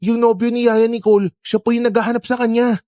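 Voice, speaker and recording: A woman's voice: a little high, level tone, fast, mellow, no room sound, clean studio sound, lightly acted. A woman voicing an earnest young boy who speaks respectfully and urgently.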